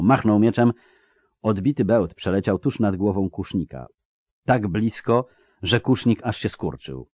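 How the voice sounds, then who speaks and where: A man in scripted audiobook narration, telling the story in a measured, dramatic way. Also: fairly low pitch, a little mellow, no room sound, clean studio sound.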